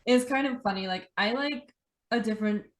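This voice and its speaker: A young adult woman hosting a podcast in a relaxed conversation, talking chattily and saying "like" a lot. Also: fairly high pitch, moderate pace. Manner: chatty, says "like" often. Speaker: podcast host. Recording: roomy echo.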